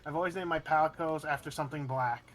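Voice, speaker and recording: A man's voice: on the high side, a little hiss or hum. A man streaming a game and chatting casually, joking around and correcting himself as he goes. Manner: joking, animated, quick self-corrections. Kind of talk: casual chat while gaming.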